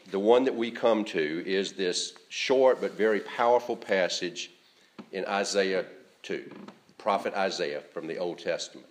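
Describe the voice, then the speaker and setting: Pastor guy, lowish voice, easygoing sermon w lots of uhs and restarts. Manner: measured, conversational preaching with frequent fillers and restarts.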